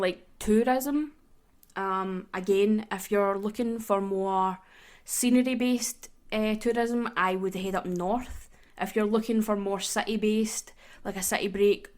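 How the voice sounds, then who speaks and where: Chatty Glaswegian woman podcaster. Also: mid-range voice. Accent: Glaswegian Scottish. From Glasgow, Scotland. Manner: chatty and rambling, with many "kinda" and "like" fillers. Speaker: podcast host. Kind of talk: casual solo podcast chat.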